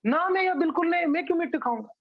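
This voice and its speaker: Storybook little boy, whiny and insistent, high and bright, as a preacher puts him on; dull lo-fi sound. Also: animated, very fast, gravelly, exaggerated voice. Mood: pleading. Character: young boy Krishna, pleading and denying.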